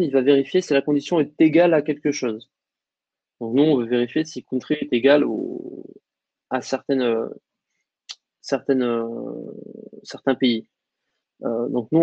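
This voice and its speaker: A man walks through a programming tutorial at his desk, talking it out loosely with plenty of fillers. His voice is gravelly, and the recording sounds dull and dry, with keyboard clicks underneath. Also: mid-range voice, no echo. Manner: relaxed explaining with many fillers and "hop". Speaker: coding instructor. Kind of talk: screen-share coding tutorial.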